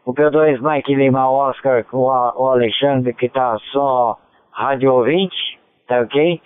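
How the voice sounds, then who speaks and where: A man's voice: medium pitch, fairly even intonation, takes it slowly, clear, resonant tone, dry recording. A man running a ham radio net over a two-way radio, easygoing and checking in with each station. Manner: easygoing, repeats call signs, checks in with "tá ok?". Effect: transmitted over a two-way radio. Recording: narrow tinny radio transmission.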